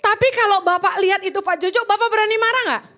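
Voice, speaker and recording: A woman pastor preaching a sermon in a lively, joking way, quizzing the congregation and slipping in English phrases. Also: extremely high pitch, fast. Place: church.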